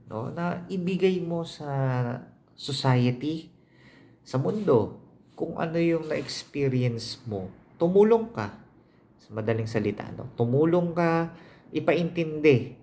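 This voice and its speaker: A man's voice: fairly high pitch, darkish tone, a little hiss or hum. A man, a teacher, talking casually and reflectively about his own experiences, often adding "no?" tag questions and "ah" fillers. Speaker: teacher sharing thyroid experience. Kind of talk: casual personal vlog talk.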